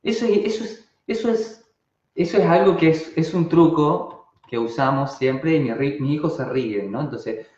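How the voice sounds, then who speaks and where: A man with an Argentine Spanish accent teaching an online class, animated and constantly asking rhetorical questions and then answering them. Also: fairly high pitch, moderate pace. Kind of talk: live online class talk. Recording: dull, roomy sound.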